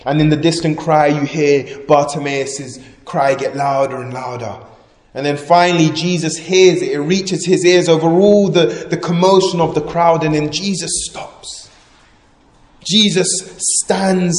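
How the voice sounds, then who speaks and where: A man preaching a sermon fervently, rising to loud proclamation and dropping to hushed emphasis. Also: fairly high pitch, normal speed. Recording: echoey hall with long reverb.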